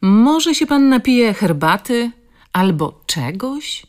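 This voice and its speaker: A woman's voice: fairly high pitch, big pitch swings, slow pace, a little mellow, pitched above the performer's own voice. A woman voicing a weary middle-aged countrywoman in an audiobook, wary but hospitable.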